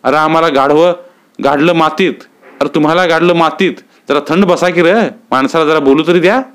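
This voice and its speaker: Hushed village wife with a smooth, resonant tone and a raised pitch, as a male storyteller puts her on. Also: fairly even intonation, a little fast, natural voice. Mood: hushed gossip. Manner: hushed, muffled, urgent. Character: village wife whispering gossip behind her sari.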